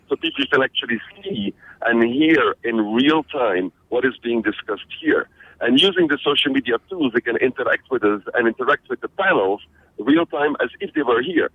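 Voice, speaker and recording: Middle-aged man from Belgium, interview guest, eager and restarting often, on a phone-quality line. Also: medium pitch. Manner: energetic, many restarts and fillers. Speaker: interview guest, social media trainer. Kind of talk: radio interview answers. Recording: phone-like narrow band audio.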